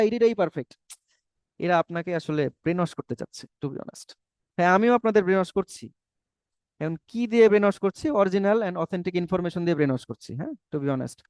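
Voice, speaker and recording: A man's voice: on the high side, darkish tone, dry recording. A man giving a persuasive webinar lecture as a spoken English teacher, asking rhetorical questions.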